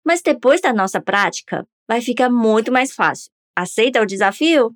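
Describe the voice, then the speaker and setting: A woman's voice: a little high, lively intonation, normal speed, dry recording, clean studio sound. A woman teaching a pronunciation lesson on a podcast, upbeat and coaxing listeners to repeat after her. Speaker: language teacher.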